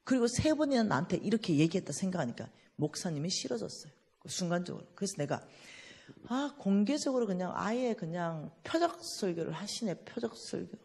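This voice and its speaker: Animated woman preaching in Gyeongsang dialect. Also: medium pitch, fairly quick, husky, big-room sound. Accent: Gyeongsang Korean. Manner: animated storytelling, acting out dialogue. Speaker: church finance speaker. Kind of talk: lively testimony sermon.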